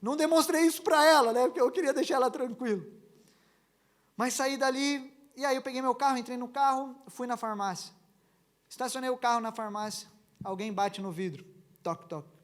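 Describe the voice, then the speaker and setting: A young man preaching a sermon, passionate, slowing down to stress points and telling stories with lively energy. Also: extremely high pitch. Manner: passionate, slows down for emphasis, then tells stories animatedly. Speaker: pastor.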